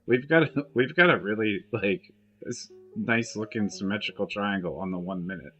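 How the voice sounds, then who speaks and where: A man's voice: lowish voice, normal speed, sharp tone, highs cut off, soft background music. A man chatting casually with friends on a crypto livestream, joking and laughing as he talks. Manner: joking, laughs while talking.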